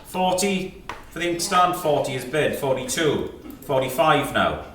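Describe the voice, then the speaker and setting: A man's voice: fairly high pitch, animated, measured pace, a bit bright, a little hiss or hum. A British man working as an antiques auctioneer, calling lots and rising bids in clipped numbers with repeated prompts to the room. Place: indoor auction sale room. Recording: echoey sale room, distant microphone.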